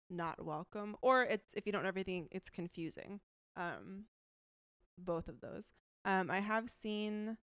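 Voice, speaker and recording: A woman's voice: medium pitch, smooth, no room sound. A woman co-hosting a casual movie chat, bubbly and full of fillers. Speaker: podcast co-host.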